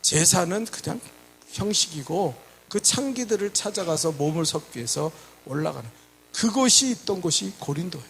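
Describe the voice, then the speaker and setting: Male pastor, sermon, high voice, gravelly edge, rhetorical questions, call-and-response. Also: animated, moderate pace, fairly bright tone, slight background noise. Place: church sanctuary.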